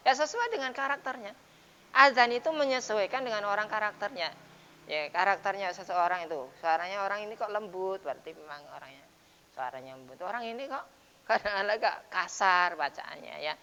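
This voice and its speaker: A man teaching recitation rules at a dawn mosque lesson, patiently explaining and then chanting the words slowly and loudly. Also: sits high, a little hiss or hum. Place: mosque, after dawn prayer. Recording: dull lo-fi sound with long mosque reverb.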